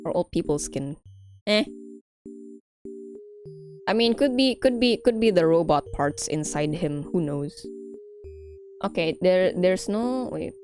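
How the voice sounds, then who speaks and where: A woman's voice: lowish voice, lively intonation, slow, pauses often, a little mellow, soft background music. A young woman streaming a visual novel, chatting, giggling and reading the game text aloud in a rambling way. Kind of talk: casual game commentary.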